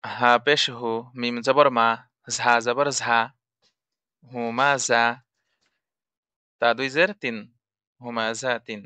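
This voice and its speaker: A man's voice: medium pitch, fairly even intonation, slow pace, pauses often, pushed and bright, smooth, dry recording. A man teaching Arabic letters for Quran reading, patiently repeating each sound drill-style.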